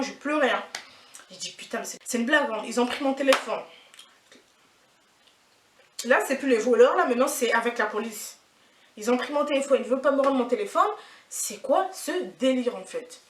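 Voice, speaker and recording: A woman's voice: a little high, moderate pace, noisy background. Indignant young woman, echoey distant mic. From France. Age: 20s. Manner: indignant, animated, repetitive slangy retelling. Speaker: vlogger. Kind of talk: casual storytime.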